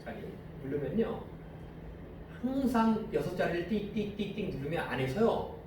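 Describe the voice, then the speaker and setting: With a high voice, lively intonation, and a moderate pace, a male pastor tells stories from home and poses questions to his congregation in a conversational sermon. It's captured on a distant mic in an echoey church sanctuary, with background noise.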